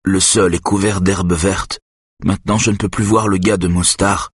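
A man reading aloud, voicing a shaken, guilt-ridden male patient who talks haltingly. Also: deep voice, flat delivery, slightly rough, no room sound, studio quality. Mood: dazed.

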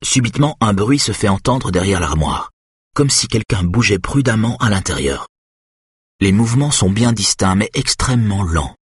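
Low husky male audiobook narrator. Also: animated, normal speed, no room sound, clean studio sound. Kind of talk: scripted thriller narration.

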